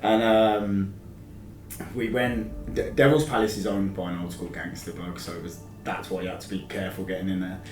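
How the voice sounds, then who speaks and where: A man's voice: low voice, steady tone, normal speed. A man in his thirties with an English accent, telling anecdotes in an informal, matey, rambling way as an interview guest. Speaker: podcast guest, live-streamer. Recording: roomy, distant sound with music behind.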